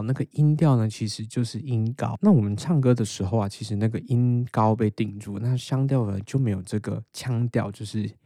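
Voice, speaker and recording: Gravelly low Taiwanese-accented man. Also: warm tone, no echo. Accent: Taiwanese Mandarin. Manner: explains patiently, then reads English lines aloud as a shadowing drill. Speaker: podcast host. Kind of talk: casual podcast monologue.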